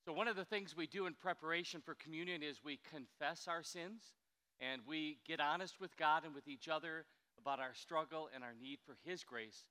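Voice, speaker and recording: A man serving as pastor, leading a communion liturgy in a church sanctuary with a measured, reverent delivery and slow pauses, his voice carried by a long cathedral-like echo. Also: fairly high pitch, sharp tone, clear, resonant tone.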